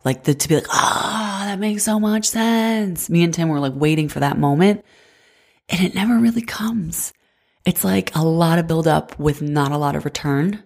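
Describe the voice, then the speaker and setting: A woman's voice: low voice, a little mellow. A woman in her twenties hosting a casual solo podcast, sick and congested, with a nasal voice and a chatty manner full of "like". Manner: chatty, frequent "like" fillers. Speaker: podcast host.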